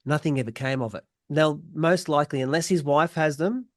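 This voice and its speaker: Eager podcast host, fairly high voice. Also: male voice, fairly quick, dry recording, clean studio sound. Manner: eager, reacting often with short interjections. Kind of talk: casual interview chat.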